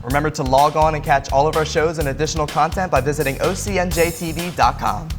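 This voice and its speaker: A man's voice: on the high side, steady tone, fast talker, music in the background. A young man co-anchoring a local news show with dry, joking remarks.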